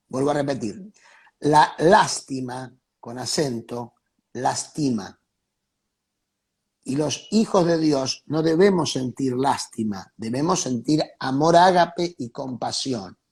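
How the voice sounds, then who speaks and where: A man's voice: mid-range voice, darkish tone, husky. A man, a pastor guest giving a reflective faith talk, preaching and repeating key phrases for emphasis.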